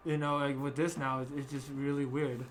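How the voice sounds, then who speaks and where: A man's voice: medium pitch, flat delivery, a little fast, slight background noise. A young man hosting a casual sports chat, rambling with many fillers and restarts. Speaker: podcast host.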